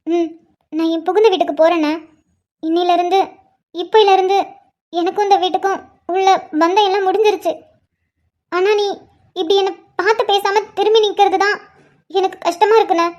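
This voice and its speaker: Woman doing a super high-pitched young bride in a cartoon, pleading and sweet with her big brother. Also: steady tone, fairly quick, long pauses, darkish tone. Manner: pleading, affectionate. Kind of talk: Tamil cartoon voice acting.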